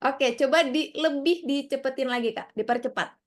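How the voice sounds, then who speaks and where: Woman teaching public speaking over a video call, high voice, friendly, keeps asking who wants to try. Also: normal speed. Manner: friendly, coaxing, calls on participants. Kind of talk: online workshop teaching.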